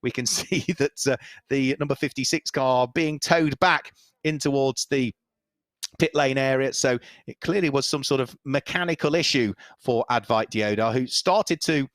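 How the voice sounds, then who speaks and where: A man calls a motor race live in a steady, informative commentary voice. His voice sits in a middle register and is recorded close and dry, with no room sound around it. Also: mid-range voice, normal speed, no room sound.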